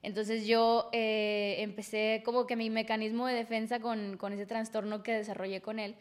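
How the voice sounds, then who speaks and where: A woman's voice: fairly high pitch, little pitch movement, normal speed. A woman with a Mexican accent, a podcast guest telling a personal story frankly and emotionally, full of fillers.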